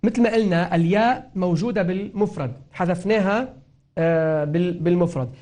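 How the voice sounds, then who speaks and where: This Lebanese-accented man teaches tajweed and grammar for Quran recitation, patiently going over points again and drawing out example words for clarity. He has a noticeably high, slightly mellow voice and a brisk delivery.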